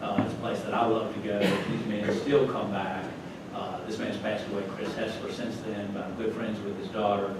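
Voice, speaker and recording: The club's guest speaker is an older man from North Carolina who delivers a homey, talkative slide presentation with chuckling asides. His voice is on the low side with little pitch movement, at normal speed and with hardly any pauses. He was recorded from a distance in an echoey, noisy meeting hall.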